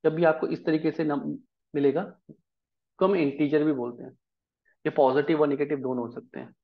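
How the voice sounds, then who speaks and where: A man's voice: on the high side, fairly even intonation, normal speed, muffled recording. A man teaching a programming lesson in Hindi, explaining step by step and often checking whether the class follows. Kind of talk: live coding lesson.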